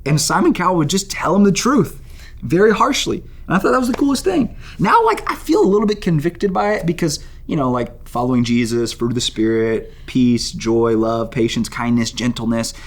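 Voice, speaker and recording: Upbeat young man, lively youth host. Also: a little high, normal speed. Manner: animated, upbeat, builds hype. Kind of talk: casual co-hosted chat.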